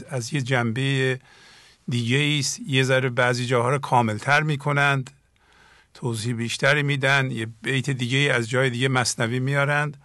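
A man hosting a call-in program who teaches and warmly encourages his callers. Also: medium pitch, no echo. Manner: encouraging, praises callers often. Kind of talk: teaching talk and phone call-in.

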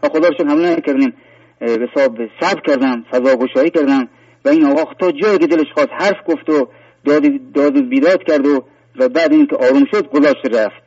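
A man's voice: a little high, darkish tone, breathy edge, no echo. A man calling in to a talk program, telling a personal story earnestly, rambling with many fillers and restarts. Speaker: caller. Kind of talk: phone-in sharing a personal story. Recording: muffled phone-in line, distant.

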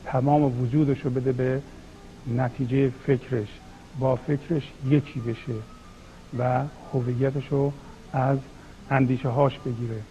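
Measured man reciting and explaining poetry. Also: medium pitch, little pitch movement, mellow, lo-fi sound. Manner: slow, measured, recites verses then explains them. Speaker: spiritual teacher.

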